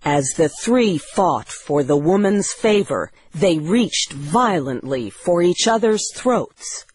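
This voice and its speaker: A woman narrating a story in a slow, deliberate reading voice with clear phrasing. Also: fairly low pitch, lively intonation, a little mellow.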